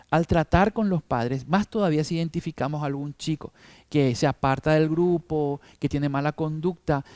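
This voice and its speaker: Argentine man teaching, rather high voice. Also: darkish tone, no room sound. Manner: explanatory, repeats with rhetorical questions. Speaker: teacher trainer at a church. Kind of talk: training talk for Sunday school teachers.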